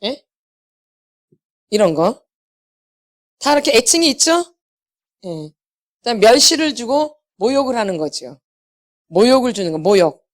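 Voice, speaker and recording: A middle-aged woman lecturing at a church healing seminar, emphatic, quizzing her audience and slipping into blunt casual speech. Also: fairly high pitch. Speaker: inner healing ministry lecturer. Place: church meeting hall.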